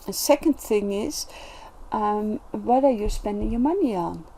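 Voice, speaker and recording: A woman shares personal reflections in an unhurried vlog monologue. Her voice is mellow and soft-toned, her delivery gentle and earnest, with frequent pauses and restarts as she gathers her thoughts. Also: medium pitch, animated, creaky, a little hiss or hum. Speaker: self-development vlogger.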